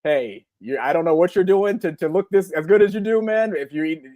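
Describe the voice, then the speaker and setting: This is a chatty Southern man in his forties, a podcast co-host, talking casually on a live stream. His voice sits high and brisk, and his manner is relaxed and rambling, full of filler ums.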